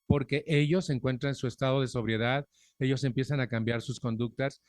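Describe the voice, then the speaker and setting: A middle-aged man with a Mexican Spanish accent gives a frank testimony at a recovery group gathering. His voice sits at an ordinary male pitch and is recorded close and dry on a stand mic. He talks bluntly and earthily and keeps turning to the audience with questions. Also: fairly even intonation, a little fast, no echo. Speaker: speaker at a recovery group anniversary. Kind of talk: personal testimony talk to an audience. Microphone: microphone on a stand.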